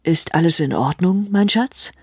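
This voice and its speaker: Easygoing, doting king, played by a woman reading the story, courteous and gentle. His voice drifts a little higher than hers, with lots of lift in it. It is read close and dry, storybook style. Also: expressive, measured pace, husky, no room sound, full character voice. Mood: mild, concerned. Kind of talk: audiobook character voice.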